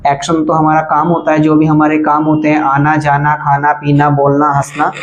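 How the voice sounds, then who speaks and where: A man giving an online grammar lesson, explaining step by step and repeating example sentences slowly. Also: fairly high pitch, completely flat delivery, muffled recording, slight background noise. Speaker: English teacher.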